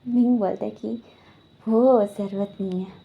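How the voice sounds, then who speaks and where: A woman's voice: mid-range voice, fairly even intonation, unhurried, vocal fry. A woman casually retelling a story, rambling along with frequent fillers and restarts. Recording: dull lo-fi recording.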